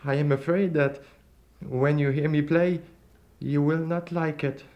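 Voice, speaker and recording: A man's voice: fairly high pitch, moderate pace, lo-fi sound, voice pushed up, lightly acted. A man voicing a frustrated young village fiddler in a folktale, speaking in a raised, pleading way. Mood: exasperated.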